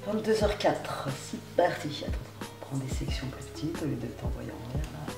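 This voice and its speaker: A woman's voice: low voice, expressive, normal speed, gravelly, reverberant, music in the background. A woman vlogging casually while dyeing her hair at home at night, chatty and self-mocking, full of street slang. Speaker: beauty vlogger.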